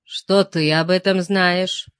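A man voicing a stern inquisitor who asks short, pressing questions at a slow pace. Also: high-pitched, little pitch movement, a bit bright, clear, resonant tone, no echo, studio quality, voice pushed up. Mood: interrogating. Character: stern male inquisitor, cold interrogator.

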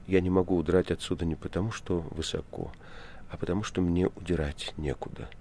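A man's voice: low-pitched, fairly quick, a little hiss or hum. A man doing a jittery, secretive hospital patient. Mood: hushed, wry. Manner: hushed, then wildly excited and pleading. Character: nervous secretive male asylum patient, late thirties.

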